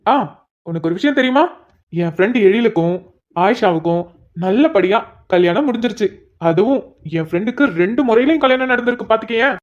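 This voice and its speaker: A woman's voice: fairly high pitch, animated, fairly quick, natural voice. A woman voicing a self-assured male police officer who teases and mocks. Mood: mocking. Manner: teasing, mocking banter. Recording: dull lo-fi audio.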